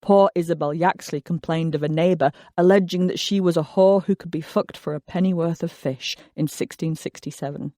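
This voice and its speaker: A nonfiction audiobook narrator reading in a measured, articulate way with wry asides. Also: medium pitch, fairly even intonation, mellow, no room sound, studio quality.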